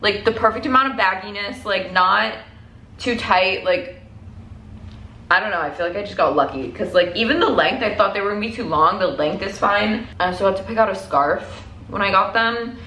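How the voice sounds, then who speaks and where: A woman's voice: mid-range voice, moderate pace, sharp tone. A young woman chatting casually to camera as a lifestyle vlogger, rambling along and peppering her sentences with "like". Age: young adult. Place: indoors at home, mostly a living room or bedroom. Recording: echoey room with faint noise.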